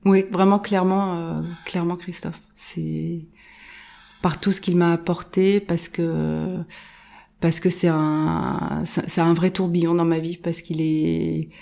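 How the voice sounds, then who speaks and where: A middle-aged woman talks as an interview guest in a low, gravelly voice. She speaks with animated energy, often restarting and repeating words as she gathers her thoughts. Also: slow. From born in Morocco, raised in Nairobi and London. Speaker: guest, photographer. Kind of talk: casual interview conversation.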